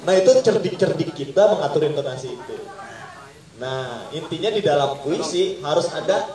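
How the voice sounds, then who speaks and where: A man's voice: on the high side, lively intonation, normal speed, darkish tone. A man leading an informal poetry reading workshop, quizzing the group in call-and-response. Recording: echoey room, mic far off.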